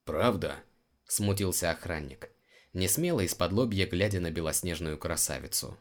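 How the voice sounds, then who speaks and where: A man narrating an audiobook in a steady storytelling manner. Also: low voice, normal speed. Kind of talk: scripted narration.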